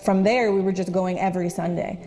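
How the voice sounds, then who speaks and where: A woman, the interviewee's wife, recounting their story in a lively, animated way. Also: lowish voice, fairly quick, faint music behind. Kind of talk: personal storytelling.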